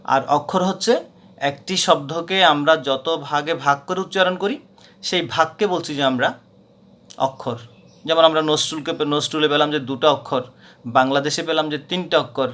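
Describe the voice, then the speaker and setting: A man's voice: on the high side, normal speed, fairly bright tone. A man teaching a grammar lesson, patiently repeating points with frequent hesitations. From Bangladesh.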